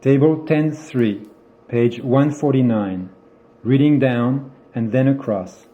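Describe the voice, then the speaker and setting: Slow, careful man on old cassette. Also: medium pitch. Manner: slow, careful word-by-word enunciation. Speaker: language course reader. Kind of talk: reading pronunciation drills. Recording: dull lo-fi cassette tape.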